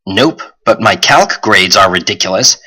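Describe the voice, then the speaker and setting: A man reading an audiobook, voicing a sarcastic, tired teenage boy who talks quickly and dismissively. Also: on the low side, expressive, bright, forceful tone, slightly rough, heavily acted, low-quality recording. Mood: wry.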